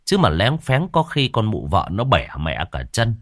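Expressive male storyteller. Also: on the low side, normal speed, dry recording, studio quality. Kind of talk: dramatic ghost story narration.

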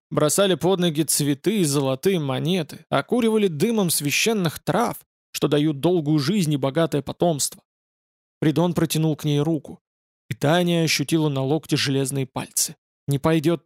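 Gravelly male audiobook narrator. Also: on the high side, no room sound, clean studio sound. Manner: measured, dramatic reading. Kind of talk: scripted narration.

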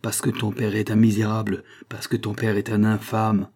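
A man's voice: on the low side, monotone, normal speed, darkish tone, lightly acted. A man reading aloud and voicing an anguished noblewoman and mother, speaking in a raised, intense, pleading way. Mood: bitter.

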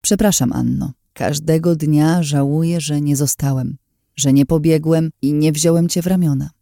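A troubled young man out of an audiobook, as a male narrator reads him, low and confiding with a very dark, mellow tone. His voice sits slightly high for a man and comes across close and dry, weary with regret. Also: steady tone, moderate pace, gravelly, no echo. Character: young man, brooding and remorseful. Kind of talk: audiobook character voice.

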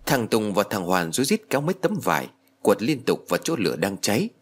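A man reading a horror story aloud in an expressive narrating style. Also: on the low side, quick pace, slightly rough. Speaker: story reader.

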